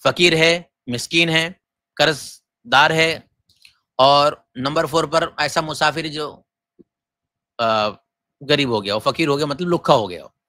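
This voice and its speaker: Forceful, scolding man. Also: fairly high pitch, pauses often, dry recording, clean studio sound. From Gujarat, India. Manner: forceful, scolding, many rhetorical questions. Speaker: mufti teaching Islamic law. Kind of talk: lecture on religious rules.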